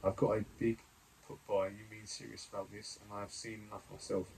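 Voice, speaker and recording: A man's voice: on the low side, level tone, a little fast, vocal fry, darkish tone, a little hiss or hum, poor audio. A man voicing a friendly young male sailor crewmate, easygoing and confiding. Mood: earnest.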